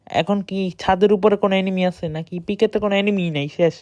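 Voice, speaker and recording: A woman gives excited, boastful running commentary while playing a shooter game, speaking close to the mic. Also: medium pitch, brisk, dry recording, lo-fi sound. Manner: excited, boastful self-talk. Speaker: gamer streamer. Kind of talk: live gameplay commentary.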